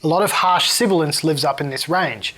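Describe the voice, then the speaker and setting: Guy explaining audio stuff, voice eq'd way bright, hissy harsh s sounds, slightly high pitch. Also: a little fast. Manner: clear, demonstrating. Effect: treble-boosted EQ, harsh hissy sibilance. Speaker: audio tutorial presenter. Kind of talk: scripted explainer.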